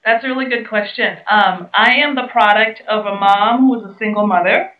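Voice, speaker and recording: A woman's voice: medium pitch, brisk. A woman from the Bahamas answering interview questions in an earnest, emphatic way, leaning on repeated key words. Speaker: guest speaker and entrepreneur. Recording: roomy, distant, dull sound.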